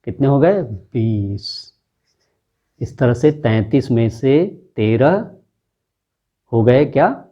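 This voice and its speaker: A man teaching a lesson, talking slowly and deliberately and sounding out syllables one by one to demonstrate. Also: medium pitch, animated, warm tone, muffled recording. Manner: slow, deliberate, repeats syllables aloud for demonstration. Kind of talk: classroom-style lesson.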